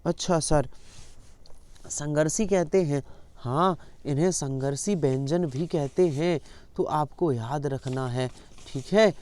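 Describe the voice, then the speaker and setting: A man's voice: fairly high pitch, takes it slowly, darkish tone. A male teacher running an exam-prep lesson, repeatedly coaxing students to answer his questions.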